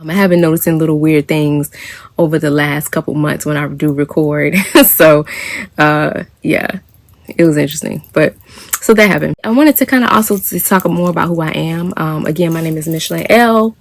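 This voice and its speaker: A woman with a low, gravelly voice speaks in a relaxed, rambling vlog monologue, pausing on fillers and light laughs. The sound is close and dry, with no room around it. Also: no echo. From United States. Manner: soft-spoken, meandering, frequent fillers and light laughs. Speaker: spiritual practitioner and reverend. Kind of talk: casual reflective vlog monologue.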